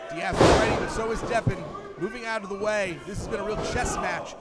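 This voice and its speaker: A man's voice: high voice, steady tone, a little fast. A man calling live wrestling as a commentator, with a dramatic, wordy delivery. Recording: loud background noise at live event.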